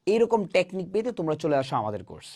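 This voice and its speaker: A man's voice: sits high, very animated, fast, darkish tone. A man teaching a grammar lesson, firing call-and-response questions and answering them himself. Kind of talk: classroom-style grammar lesson.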